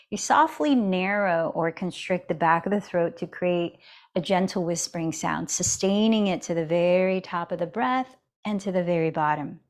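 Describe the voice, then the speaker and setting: A woman guiding a yoga class and breathing practice, talking slowly and softly and counting out breaths. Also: on the low side. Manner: slow, soft and soothing, counting breaths. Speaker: yoga instructor. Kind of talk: guided yoga and breathing instruction.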